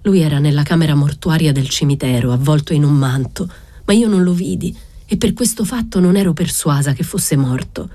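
A woman reading a literary novel aloud in a calm, measured way. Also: deep voice, no echo. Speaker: reader.

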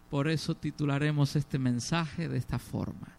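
A middle-aged male preacher with a fairly high, gravelly voice. He preaches slowly and deliberately, putting questions to the congregation and hitting key words hard. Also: fairly even intonation, a little mellow. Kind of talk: sermon.

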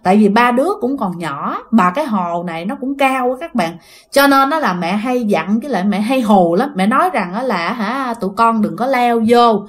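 A woman's voice: medium pitch, brisk. A woman narrating a ghost story and talking directly to her listeners. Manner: animated, addresses listeners directly.

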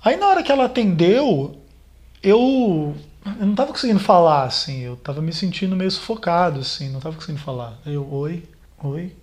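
A man, a pastor, telling a therapist a painful personal story in a halting way and repeating words as he goes. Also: high-pitched, expressive, darkish tone. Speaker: pastor speaking as a therapy client. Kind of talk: personal account in a therapy session.

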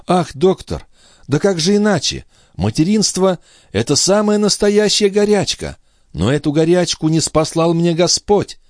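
A man reading a frantic young noblewoman and grieving mother in an audiobook, pleading and then rising to shrill commands. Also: sing-song, moderate pace, dry recording, clean studio sound.

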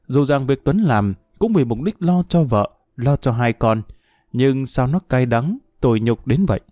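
A man narrating a story in a measured storytelling manner. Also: mid-range voice, lively intonation, mellow, dry recording, studio quality. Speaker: audiobook narrator. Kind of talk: scripted narration.

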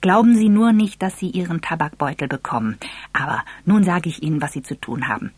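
A reader voicing Eve, an excitable and impulsive young woman, with an eager, affected manner. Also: fairly quick, husky, no room sound. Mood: excited. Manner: eager, wheedling, high and affected.

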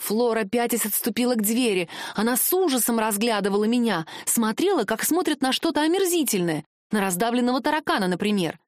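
Audiobook narrator: woman, first-person storytelling, fairly high voice, dry studio sound. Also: lively intonation, fairly quick, few pauses, dry recording.

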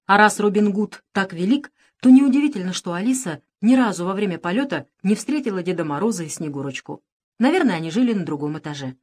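A woman narrating a children's story in a lively, expressive way. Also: medium pitch. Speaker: audiobook reader.

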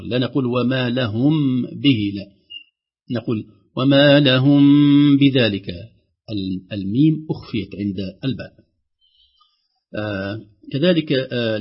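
Husky man teaching Quran recitation. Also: mid-range voice. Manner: explains rules, then recites examples slowly and drawn out. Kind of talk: tajweed lesson on a call-in show. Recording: dull lo-fi broadcast sound.

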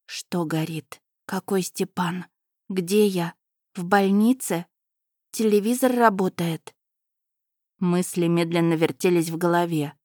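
Woman audiobook narrator, measured first-person reading, low voice, dry close sound. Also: a little mellow, no room sound.

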